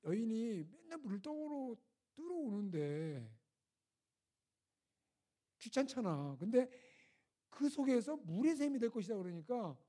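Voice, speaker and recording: Dark-voiced preacher telling a lively sermon. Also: medium pitch, a little slow, pauses often. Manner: asks the audience rhetorical questions; retells scripture dialogue in a lively, conversational way. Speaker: preacher at a winter retreat. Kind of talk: storytelling sermon.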